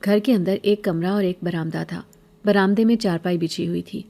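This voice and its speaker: Mellow-voiced woman narrating a horror story. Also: mid-range voice, steady tone, creaky.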